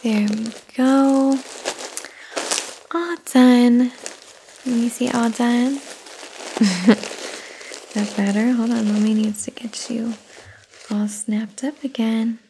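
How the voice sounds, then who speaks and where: A woman in an ASMR caretaker roleplay, speaking softly and soothingly, often in a whisper, close to the microphone. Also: a little high, fairly even intonation, slow, long pauses, slight background noise, low-quality recording.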